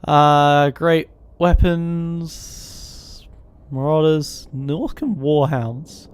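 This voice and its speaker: A man's voice: on the high side, drawn-out words, a little hiss or hum. Joking man chatting over a strategy game. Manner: loose and joking, hesitant restarts. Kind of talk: casual gameplay chat.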